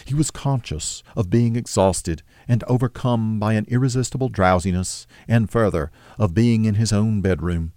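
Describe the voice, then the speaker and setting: A man with a deep, dark, mellow voice reads a classic story aloud in a measured, steady way. The recording is close and dry, with no room sound at all. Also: dry recording. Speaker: audiobook narrator. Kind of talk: scripted narration of a classic novel.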